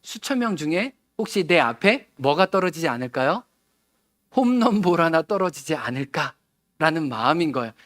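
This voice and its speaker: A male pastor from Seoul delivers a Sunday sermon in a church. He talks conversationally and keeps asking his congregation questions. His voice sits fairly high, and the sound is close and dry. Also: very animated, normal speed, fairly bright tone, no echo. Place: church sanctuary.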